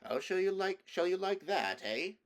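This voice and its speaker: A man voicing a stern, irritable middle-aged king in a storybook, brusque and condescending, given to booming commands. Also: animated, normal speed, fairly bright tone.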